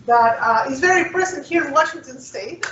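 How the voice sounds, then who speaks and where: A woman's voice: high voice, expressive, moderate pace, fairly bright tone, a little hiss or hum. A woman from Peru gives an earnest talk to an audience as a cultural anthropologist, often restarting and checking in with "right?". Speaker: guest speaker, cultural anthropologist. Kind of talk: presentation to an audience. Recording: dull, roomy, distant recording.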